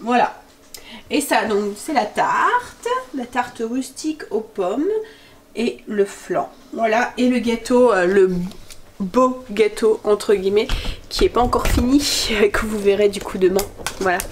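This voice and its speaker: Stuffy from a cold, this woman in her thirties, a family vlogger, cooks at home and chats hesitantly with plenty of fillers in a casual kitchen vlog. Her voice is a little high and a little slow, with a little hiss or hum in the recording.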